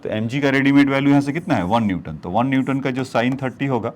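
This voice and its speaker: A man's voice: mid-range voice, quick pace, slight background noise. Man explaining physics problems step by step. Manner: explains step by step, addresses students as children. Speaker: physics teacher. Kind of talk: whiteboard problem-solving lecture.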